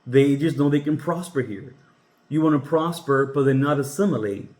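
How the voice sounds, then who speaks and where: A podcast host from Cuba, his voice medium in pitch and somewhat dark, talks at a normal speed. He gives his opinions casually and with emphasis, often pausing mid-thought and starting over. The sound is echoey, as if in a large room.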